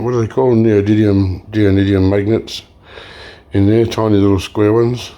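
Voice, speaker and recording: On his e-waste recycling channel, a man with a deep, dark-toned voice gives a casual hands-on demo, thinking aloud as he works. He sounds relaxed and a little hoarse, clears his throat, and often uses fillers and restarts.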